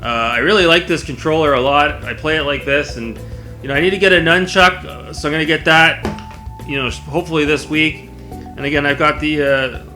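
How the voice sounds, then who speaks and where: Bright-voiced man chatting to camera. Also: fairly high pitch. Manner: conversational, rambling. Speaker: video blogger. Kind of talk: casual spoken vlog to camera.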